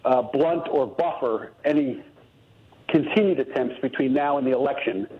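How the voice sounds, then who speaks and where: A middle-aged man calling a radio show, his voice muffled by the phone line. He speaks earnestly and haltingly, often starting sentences over. His voice has an ordinary mid pitch. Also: a crowd in the background. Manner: earnest, halting, many restarts. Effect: heard over a phone line.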